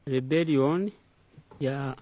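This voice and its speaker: A man testifying in a courtroom, his speech halting and circling back on the same words. He is recorded close and dry, with a middle pitch. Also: no echo, muffled recording. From Rwanda. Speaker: defendant testifying.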